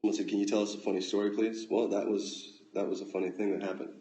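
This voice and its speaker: A man's voice: fairly low pitch, fast talker. Laid-back American man on a phone livestream. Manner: relaxed, offhand, dry replies. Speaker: livestream host. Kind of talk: casual livestream chat reading comments. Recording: echoey room, faint ambience.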